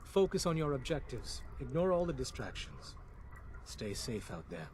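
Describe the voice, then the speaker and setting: A man's voice: mid-range voice, sing-song, moderate pace, darkish tone, a little hiss or hum, close to an everyday voice. A man voicing a dry-humored doctor in a video game. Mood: wry.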